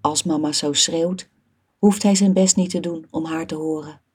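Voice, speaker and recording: A woman reading a children's story aloud as narrator, soft and even. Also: low-pitched, moderate pace, breathy edge.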